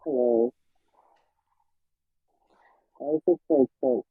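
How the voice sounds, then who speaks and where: A woman calling in, her voice muffled and underwater-sounding, speaking haltingly and repeating words. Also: a bass voice, husky, no room sound. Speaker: caller. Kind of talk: casual call-in chat. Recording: muffled, tinny call line.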